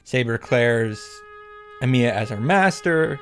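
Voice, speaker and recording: A visual novel reactor and narrator gives a scripted comedic recap, wry, profane and mock-grandiose, with background music under his voice. His pitch is medium, his delivery animated and a little slow, and the tone fairly bright.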